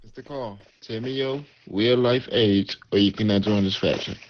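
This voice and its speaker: Over muffled voice chat with faint background noise, a man plays a police recruiter in a roleplay game. He speaks at a normal speed in a lowish voice, giving curt commands again and again.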